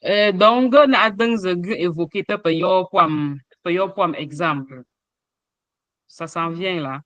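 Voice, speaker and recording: A man teaches a language class online, going through examples one syllable at a time. His voice sits a bit high for a man, and he talks very slowly and deliberately. The sound is dry and close. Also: fairly bright tone, no room sound. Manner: slow, explains with repeated examples and hesitations. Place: home, over a video call. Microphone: computer mic on a video call.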